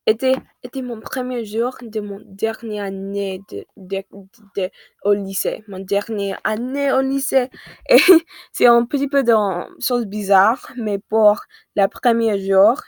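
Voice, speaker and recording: Speaking slowly in a language she's still learning, this American teenage vlogger, seventeen and a native English speaker with an American accent, talks casually to her viewers, pausing to find words and fixing her mistakes. Her voice sits at a medium pitch with a darkish tone. The sound is dry and studio-clean.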